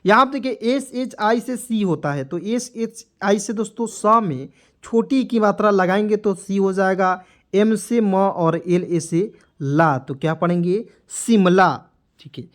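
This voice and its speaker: A man's voice: high voice, measured pace. A male teacher giving an online reading lesson, drilling each word with repeated questions and answers.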